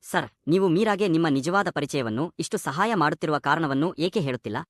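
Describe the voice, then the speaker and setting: A man's voice: a little high, brisk, a bit bright, no room sound, studio quality, close to an everyday voice. A man voicing a dutiful male secretary who speaks respectfully and anxiously. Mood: worried. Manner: respectful and worried.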